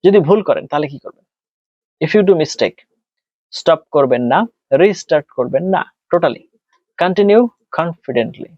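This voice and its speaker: A man with a somewhat raised voice teaches a test prep lesson. He asks and answers his own questions, and he slows down when he speaks English. The recording is dry and dull, with no room sound. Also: fairly high pitch, expressive, a little mellow, no room sound. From Bangladesh. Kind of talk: tutorial lesson, mixing Bengali and English.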